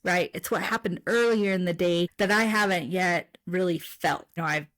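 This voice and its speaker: A woman's voice: lowish voice, normal speed, a bit bright. A woman co-hosting a podcast on healing, talking things through in a reflective, explaining way. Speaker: podcast co-host, healer. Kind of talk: casual chat.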